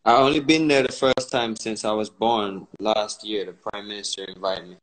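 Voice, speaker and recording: A man from Barbados hosting a casual phone live stream, talking in a relaxed, rambling way with many fillers. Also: on the low side, normal speed, low-quality recording. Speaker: Instagram live host.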